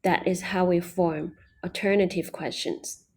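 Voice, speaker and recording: A woman leads an online language lesson at an unhurried pace. Her voice is soft and mellow, and she patiently explains each step. She slowly models every example phrase. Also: on the low side, steady tone, breathy edge. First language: Mandarin Chinese. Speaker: Chinese language teacher.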